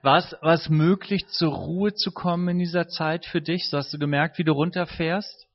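A man with a slightly high voice leads a relaxed group discussion. He asks short questions and keeps up steady praise. The recording sounds dull and lo-fi. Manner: encouraging, quick praise. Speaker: group leader.

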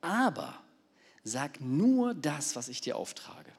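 A man's voice: on the high side, wildly swooping pitch, slow pace, husky, heavily acted. A man voicing a stern angel who confronts a traveller. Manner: stern, commanding. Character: stern angel with a drawn sword. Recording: long reverb of a large hall.

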